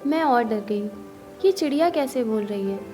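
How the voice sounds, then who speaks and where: A woman's voice: fairly high pitch, animated, moderate pace, mellow. A young woman narrating her own reflective story in first person, voicing the other characters in her own voice. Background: faint music.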